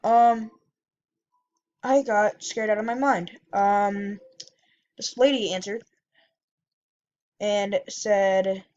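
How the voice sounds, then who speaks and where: A woman vlogger spins a casual story, rambling along with plenty of fillers and quick self-corrections. Her voice sits at an ordinary middle pitch. The sound is muffled and lo-fi. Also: fairly even intonation, darkish tone.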